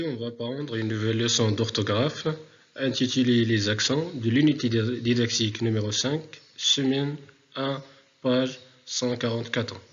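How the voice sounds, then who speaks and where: A man teaching a remote spelling lesson to pupils, speaking deliberately and repeating words for dictation. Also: medium pitch, fairly bright tone, dull audio.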